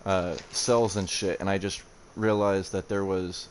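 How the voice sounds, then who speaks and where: A man's voice: low-pitched, level tone, measured pace, slight background noise. A man streaming a video game, chatting casually with profane banter. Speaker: gaming streamer. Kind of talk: casual gameplay chat.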